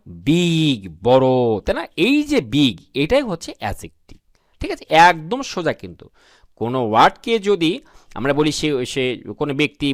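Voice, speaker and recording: Lively male English teacher. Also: a little high, no room sound, studio quality. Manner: asks and answers his own questions, spells English sentences out slowly; addresses viewers as friends. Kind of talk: beginner grammar lesson.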